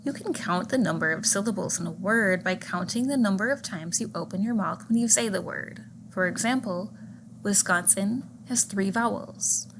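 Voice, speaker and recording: A woman delivers a scripted lecture in a measured, clear voice of middling pitch. She slows down to spell out example words and single sounds. A steady hum of noise sits behind her voice in the recording. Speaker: teacher educator. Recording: audible background noise.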